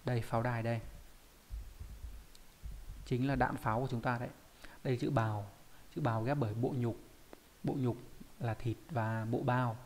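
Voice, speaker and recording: A man's voice: mid-range voice, steady tone, normal speed, pauses often, slight background noise. Vietnamese man teaching kanji step by step. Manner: explains step by step, often checking with "đúng nhỉ?". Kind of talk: online lesson explaining kanji.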